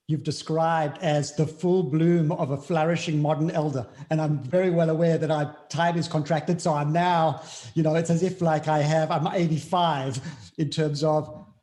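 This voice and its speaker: A middle-aged man with a South African accent, speaking earnestly and deliberately in an interview, repeating key phrases for emphasis. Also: fairly high pitch, warm tone. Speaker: guest speaker. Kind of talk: reflective interview talk.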